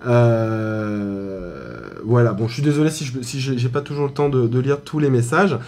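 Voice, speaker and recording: A man with a French accent, an aromatherapy teacher, chats casually on a live stream from a hotel room in a medium-pitched, slightly mellow voice at normal speed. He talks loosely, full of fillers, restarts and small laughs at himself. There's slight background noise.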